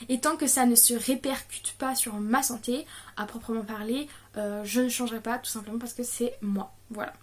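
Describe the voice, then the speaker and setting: A woman's voice: fairly high pitch, fairly even intonation, moderate pace, darkish tone. A young woman in her late teens answering viewer questions in a casual vlog, hesitant and stammering with many fillers, audibly nervous. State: nervous, stressed.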